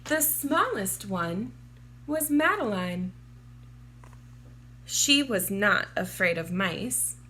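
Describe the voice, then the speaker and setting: A woman narrates a picture book for young children at a very unhurried pace. Her pitch is average for a woman, and she phrases deliberately and expressively, stretching out words. A faint noise sits behind her voice. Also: sing-song, pushed and bright. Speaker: children's storybook reader, teacher. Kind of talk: read-aloud storybook narration for young children.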